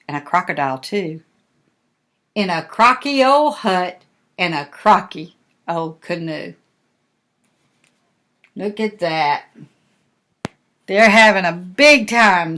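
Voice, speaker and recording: A woman with a fairly high-pitched, pushed and bright voice reads aloud. She's an older woman, a grandmother sharing a storybook with young children and chatting about it in a simple, folksy way.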